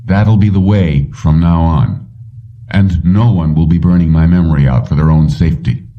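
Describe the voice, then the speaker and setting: On a dull recording that sounds muffled and distant, a man with a low-pitched voice reads an audiobook at normal speed. He voices a determined, defiant mechanic who is firm and insistent.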